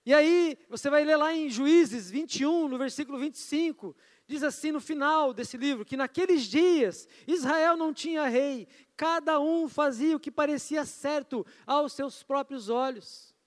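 A Brazilian pastor with an unusually high voice preaches a sermon in a loose, chatty style, tossing in asides and questions to the congregation. His voice echoes long through a large church hall. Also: a little slow. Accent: Brazilian Portuguese. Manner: conversational preaching with asides and audience prompts.

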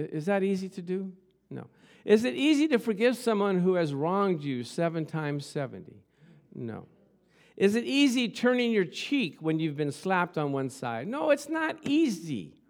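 A man's voice: high-pitched, big pitch swings, moderate pace, vocal fry, a little mellow. A man preaching a conversational motivational sermon, emphatic, with repeated phrases, rhetorical questions and humorous storytelling.

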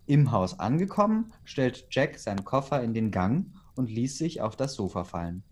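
A man reading a fan story aloud in a casual, even way, including the readers' comments. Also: medium pitch, moderate pace.

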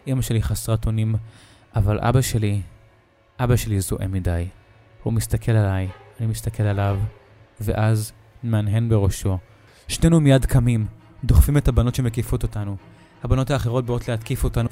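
A man reading a scripted horror story in the first person, steady and measured. His voice is dark and mellow, mid-pitched, with faint music running under it. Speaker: narrator.

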